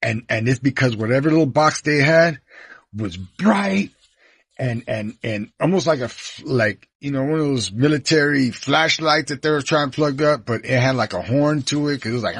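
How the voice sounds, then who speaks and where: A man's voice: mid-range voice, a bit bright, slightly rough, no echo, studio quality. A man giving a rambling, swearing eyewitness account, describing what he saw as he points around him.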